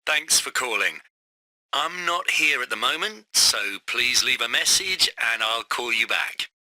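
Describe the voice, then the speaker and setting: A man playing a courteous office worker recording a voicemail greeting, clearly phrased as in a scripted listening exercise. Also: medium pitch, expressive, unhurried, sharp tone, dry recording, poor audio. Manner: recorded answering-message delivery, clearly phrased.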